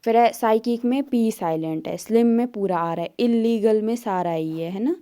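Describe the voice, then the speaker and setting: A woman teacher walking through an exam paper step by step, reading English questions slowly with an Indian English accent. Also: fairly high pitch, dark tone, clear, resonant tone. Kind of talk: exam paper walkthrough lesson.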